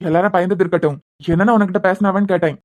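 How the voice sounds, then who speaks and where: A woman's voice: on the low side, steady tone, a little mellow, lightly acted. A woman voicing an injured young husband in a cartoon, talking bluntly and teasingly in a Kanyakumari Tamil accent. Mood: probing. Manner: blunt, teasing, quick talk. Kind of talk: cartoon voice acting.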